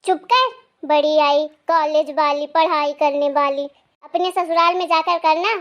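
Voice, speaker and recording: A woman voicing a shrill, scornful grandmother. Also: fairly even intonation, unhurried. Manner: scornful, nagging, sharp-tongued. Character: scolding grandmother who favors her grandson. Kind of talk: animated cartoon voice acting.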